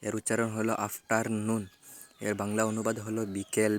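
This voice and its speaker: A man teaches vocabulary, spelling English words letter by letter and giving their Bengali meanings in a measured, even way. His voice is on the low side.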